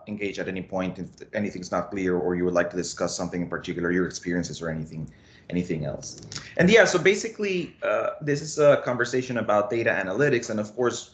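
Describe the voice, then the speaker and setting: A man in his thirties from Costa Rica, speaking as a data analytics instructor on a video call, explaining in a friendly way with frequent restarts. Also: deep voice. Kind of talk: online workshop presentation. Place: small home office. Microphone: webcam on a video call.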